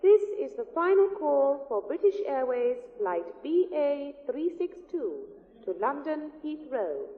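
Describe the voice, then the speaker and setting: A woman making a slow, formal departure announcement over an airport loudspeaker. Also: high voice, sing-song, crowd noise. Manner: slow, measured, formal delivery. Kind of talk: scripted public-address announcement. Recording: echoey, phone-like loudspeaker sound.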